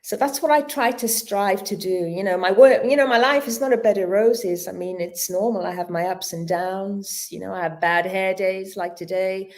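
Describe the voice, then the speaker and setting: A woman in her fifties, a yoga teacher, speaks as a guest in a casual interview with a steady, mid-range voice at normal speed and hardly any pauses. Earnest and reflective, she still stumbles slightly and searches for words, her mouth numb from a dental injection.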